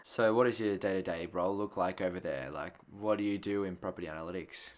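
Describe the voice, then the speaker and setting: A man's voice: deep voice, fast talker. A man hosting an interview, asking casual questions and reacting with upbeat remarks like "beautiful" and "awesome". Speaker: podcast host. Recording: tinny phone-like line.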